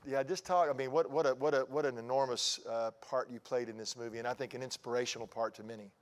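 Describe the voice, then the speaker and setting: A man's voice: medium pitch, steady tone, fast talker. A middle-aged man interviewing guests on a TV studio set, rambling through his questions with frequent restarts. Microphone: lapel mic.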